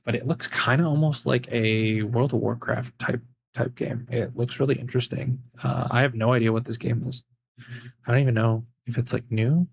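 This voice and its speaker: A man livestreaming in a relaxed, rambling way, with lots of fillers and a voice that is giving out as he wraps up his stream. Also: mid-range voice, vocal fry, slightly rough. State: losing his voice. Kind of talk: casual stream sign-off chat.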